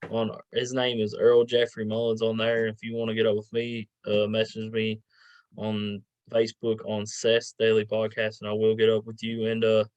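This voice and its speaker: A man hosting a casual interview podcast, speaking informally and a bit haltingly. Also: on the low side, monotone, a little mellow, smooth, no echo. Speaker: podcast host. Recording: dull lo-fi sound.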